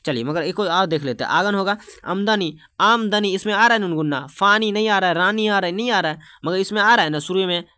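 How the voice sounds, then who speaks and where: A man's voice: high-pitched, brisk, pushed and bright, clean tone, no echo, clean studio sound. A man teaching an exam-prep lesson, repeating terms and putting questions to the class.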